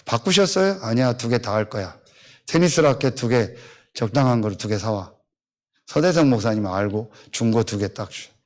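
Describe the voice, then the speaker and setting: Male pastor, 50s, mid-pitched, lively up-and-down delivery, acts out dialogue in sermon anecdotes. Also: moderate pace. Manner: animated storytelling, acting out both sides of conversations; blunt, colloquial.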